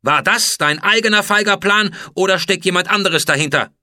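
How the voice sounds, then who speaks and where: A man reading a storybook voices a proud, furious woman pharaoh who speaks loudly with cold menace. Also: high-pitched, normal speed, no echo, studio quality, pitched above the performer's own voice. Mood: commanding. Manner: loud, cold and threatening.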